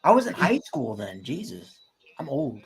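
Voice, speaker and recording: An excitable man in his twenties talks college football with friends. He swears freely and is quick to argue his point. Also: mid-range voice, slightly rough, rough recording. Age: 20s. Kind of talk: casual sports chat.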